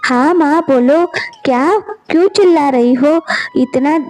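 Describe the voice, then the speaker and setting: An earnest young husband in an animated storybook, voiced by a woman reader. The voice stays high and mellow, with slow, questioning delivery. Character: young husband, puzzled then decisive.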